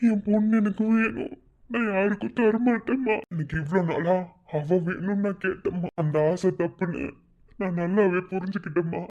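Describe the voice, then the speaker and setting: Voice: medium pitch, normal speed, darkish tone, lo-fi sound, close to an everyday voice. A performer voicing a heartbroken father in a cartoon, tearful and pleading. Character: heartbroken father, weeping and bitter. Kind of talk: animated cartoon voice acting.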